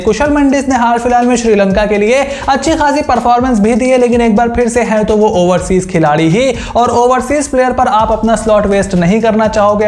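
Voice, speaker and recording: A man's voice: extremely high pitch, darkish tone, reverberant. A young man hosting his own channel, confidently giving cricket auction predictions straight to camera, gesturing as he explains. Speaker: cricket analyst and channel host. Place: indoor room with stone-tile wall. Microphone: camera framed waist-up.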